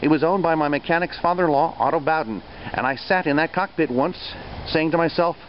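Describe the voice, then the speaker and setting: A man's voice: a little high, fast talker. A man presenting a car feature with enthusiasm, raising his voice over wind and engine noise in an open moving car. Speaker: TV reporter hosting a car feature. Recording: loud wind and motor noise, muffled sound.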